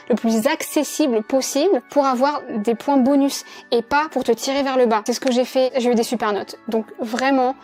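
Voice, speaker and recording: Young french woman in her 20s, vlog chat, laughs a lot at herself, slightly high voice. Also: darkish tone. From France. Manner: chatty, self-mocking, laughs often, trails off. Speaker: student vlogger. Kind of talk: casual chat to camera.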